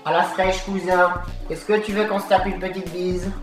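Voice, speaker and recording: A man putting on a flat mock robot voice, playing a stiff robot electronic musician in a comic parody. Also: high voice, normal speed, pitched above the performer's own voice, lightly acted. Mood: deadpan. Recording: echoey room, mic far off, music behind.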